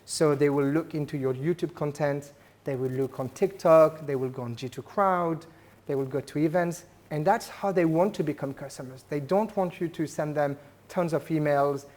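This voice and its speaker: This is a slightly high, somewhat mellow male voice with a steady tone at normal speed, from a Frenchman with a French accent. He gives an engaging, conversational talk before a live business-event audience and often polls them with questions. His speech is full of "uh" and "right?".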